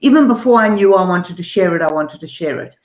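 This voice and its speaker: An artist and author from Zimbabwe and South Africa, speaking with a South African accent, answers questions as a guest in a casual video-call interview. Her voice is lowish and fast, relaxed and thoughtful but full of hesitations. The lo-fi call sounds dull, recorded in a roomy space.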